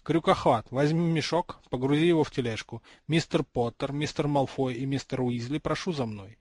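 A man's voice: mid-range voice, moderate pace, a little mellow, no echo, lightly acted. A man voicing a formal, sardonic male goblin bank clerk in an audiobook, speaking in a polite, businesslike way.

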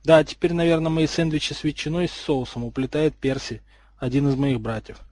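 A man's voice: on the high side, little pitch movement, fairly quick, darkish tone, close to an everyday voice. A man reading aloud voices a friendly, chatty schoolboy from a big family.

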